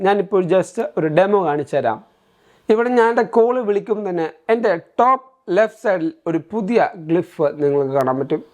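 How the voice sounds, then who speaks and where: A tech reviewer with a Malayali accent hosts a step-by-step tech walkthrough, explaining things and mixing in English terms, in narration that feels scripted. His voice is high and a little mellow.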